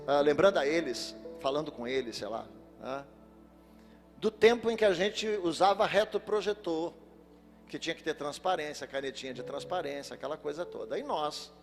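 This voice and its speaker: A male pastor preaching to his congregation in a slightly high, gravelly voice, mixing humorous anecdotes into the sermon. His words ring out with a long church-hall reverb, and soft music plays underneath. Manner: lively storytelling, addresses the congregation directly.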